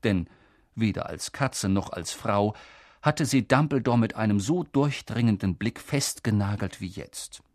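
An audiobook reader narrating a story in a lively, expressive way with a husky voice. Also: mid-range voice, a little slow, no room sound, studio quality. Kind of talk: scripted narration.

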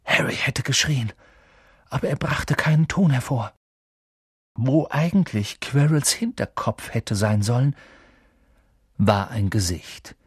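A man reading an audiobook aloud in an expressive, dramatic storytelling manner. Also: medium pitch, slow, pauses often, slightly rough, no room sound, clean studio sound. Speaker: audiobook reader. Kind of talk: scripted audiobook narration.

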